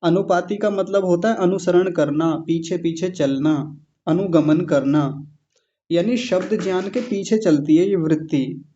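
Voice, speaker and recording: A male teacher giving an online class lecture on yoga philosophy, patiently explaining Sanskrit terms and slowing down to spell them out. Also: high voice, dark tone. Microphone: video call. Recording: dull lo-fi video call audio.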